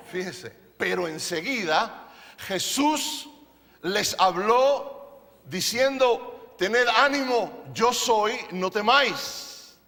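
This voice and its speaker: A man with a high, bright, ringing voice preaches to his congregation at an unhurried pace. He leans on emphasis, tosses rhetorical questions at the room and slips in jokes. The sound carries a long church-hall reverb. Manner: playful, jokes with the audience. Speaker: pastor. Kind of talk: sermon. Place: church service.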